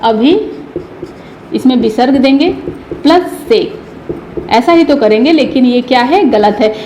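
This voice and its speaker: A woman a high voice teaches grammar for an exam. She keeps asking questions and answers them herself, repeating each key term. Her voice rings in a room a lot of echo, and faint noise runs underneath. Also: expressive, unhurried, mellow. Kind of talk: exam-prep lesson.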